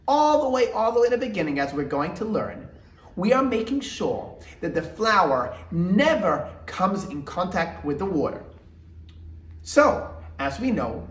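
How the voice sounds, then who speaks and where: A man in his thirties presenting an instructional children's show, with exaggerated sing-song emphasis and drawn-out words. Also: a little high. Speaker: children's show host and rabbi. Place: indoor room with mock bakery set. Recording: roomy indoor echo.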